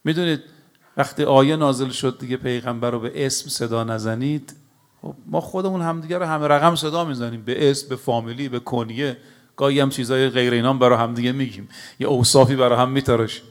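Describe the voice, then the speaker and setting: A man with a steady, mid-range voice preaches to a congregation, telling stories and reciting Arabic scripture. He speaks emphatically and often addresses his listeners directly.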